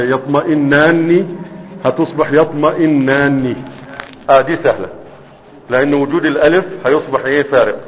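Egyptian teacher drilling grammar in a hall. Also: male voice, on the high side, dull audio. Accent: Egyptian Arabic. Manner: drills verb forms slowly, checking with "right?" and "huh?". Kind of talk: live grammar lesson to students.

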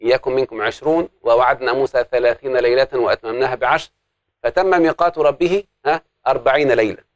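A man teaches a classroom grammar lesson. He works through the rules step by step and keeps asking the class questions that he answers himself. His voice sits at an ordinary pitch and sounds dry and close. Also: fast talker, dry recording.

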